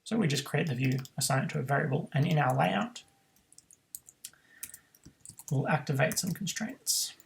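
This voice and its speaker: A man's voice: a little high, moderate pace, vocal fry, pauses often, low-quality recording. A man teaching a coding tutorial, thinking aloud with frequent ums and self-corrections. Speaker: programming tutor. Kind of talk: screen-recorded coding tutorial.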